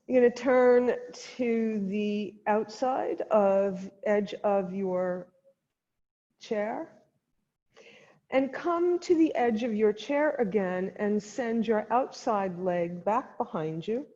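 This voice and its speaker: Guiding a chair yoga session, a medium-pitched woman gives soft cues one step at a time, pausing between them as the instructor. Her voice comes through muffled and reverberant, with a dull sound in a long-reverb hall.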